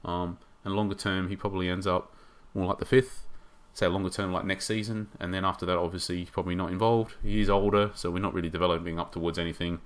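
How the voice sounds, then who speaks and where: A man giving casual game commentary, thinking aloud and rambling with hesitations, his voice getting hoarse. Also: low-pitched, little pitch movement, fast talker, hardly any pauses.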